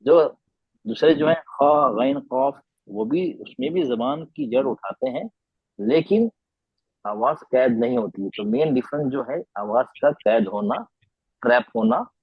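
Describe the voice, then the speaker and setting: Patient male tajweed teacher, slightly husky. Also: mid-range voice, no room sound, lo-fi sound. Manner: patient, repeats sounds and quizzes students. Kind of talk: teaching an online class.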